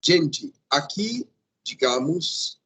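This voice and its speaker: A male teacher giving a grammar lesson, patient and repetitive, often pausing to check that the class follows. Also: fairly high pitch, very animated, pushed and bright, breathy edge, rough recording.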